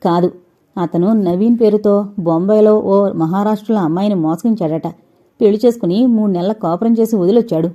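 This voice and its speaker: A woman voicing a stern male police constable who speaks curtly and flatly. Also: medium pitch, a little fast, natural voice. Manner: curt, matter-of-fact.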